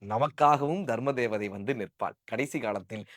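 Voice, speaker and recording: A man's voice: moderate pace, no room sound, studio quality. A man telling a devotional epic story with colloquial asides, his voice swelling and dropping with emotion. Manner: emotive, swells and drops in pitch and volume; colloquial spoken asides to listeners. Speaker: storyteller and motivational speaker.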